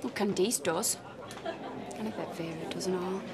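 A woman's voice: lowish voice, normal speed, lightly acted. A woman with a Northern English accent playing an apologetic young woman in a naturalistic TV soap. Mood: earnest, guilty. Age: young adult. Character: apologetic young woman pleading and making amends. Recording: busy cafe and pub chatter behind.

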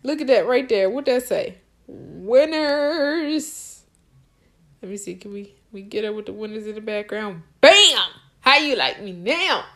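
A woman's voice: mid-range voice, lively intonation, measured pace, fairly bright tone. A young adult woman hosting a gaming channel, commentating her play with squeals, gasps and coaxing cheers. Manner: squealing and gasping, coaxing the game aloud. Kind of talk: excited game commentary.

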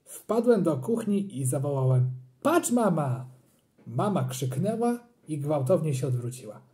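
An audiobook reader narrating a children's story in an animated, playful way. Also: medium pitch, moderate pace.

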